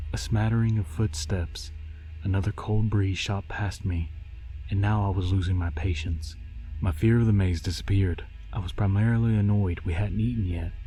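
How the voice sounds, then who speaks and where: A man narrating a scripted scary story in a haunting, deliberate storytelling voice. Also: deep voice, dark tone, poor audio. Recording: music behind the voice. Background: music.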